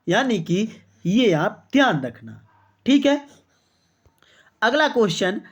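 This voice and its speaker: An online exam-prep teacher leading a quiz-style coaching lesson, who calls viewers brother and friends, reads out each answer option as a rhetorical question, and keeps adding "okay, exactly" between answers. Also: medium pitch.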